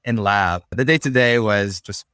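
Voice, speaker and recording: A young man from Syria, a podcast guest, talking through ideas in a relaxed, thoughtful way with frequent fillers. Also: on the low side, unhurried, smooth, no echo, clean studio sound. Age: young adult. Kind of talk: casual conversational interview.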